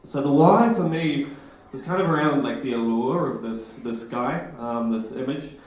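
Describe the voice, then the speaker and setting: A man's voice: mid-range voice, normal speed, a little hiss or hum. A young man gives a comic, self-deprecating talk on stage at a live event, heard through an echoey hall. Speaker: presenter.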